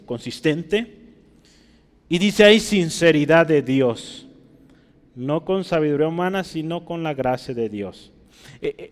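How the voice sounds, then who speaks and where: Reverberant male preacher, teaching tone. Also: fairly high pitch. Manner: teaching, explains Greek words while writing on a board; addresses listeners directly with frequent rhetorical questions. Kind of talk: expository sermon. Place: church hall.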